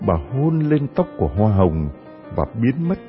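A man narrating a fairy tale in a slow, gentle reading voice. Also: fairly low pitch, sing-song, faint music behind. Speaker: storyteller. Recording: dull audio with long reverb.

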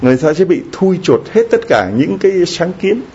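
A man's voice: high-pitched, big pitch swings, a little fast, mellow. Priest guy preaching, chatty, keeps asking the crowd questions, kinda dull lo-fi sound. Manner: conversational preaching with frequent rhetorical questions to the congregation. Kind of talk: sermon. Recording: slightly dull lo-fi recording with faint background noise.

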